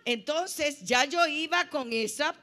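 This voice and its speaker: Puerto rican lady telling her church testimony, kinda high voice, super animated storyteller. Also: slow. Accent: Puerto Rican Spanish. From Puerto Rico. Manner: animated storytelling with laughs and acted quotes. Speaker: church member sharing testimony. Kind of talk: personal testimony in conversation.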